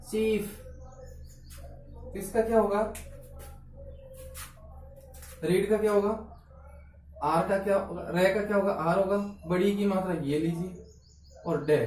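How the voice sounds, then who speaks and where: A man teaches phonetics at the board, asking questions and answering them himself. His voice is mellow and sits back from the microphone. The room rings with echo, and faint room noise stays underneath. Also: sits high. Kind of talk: blackboard phonetics lesson. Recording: roomy echo, mic far off.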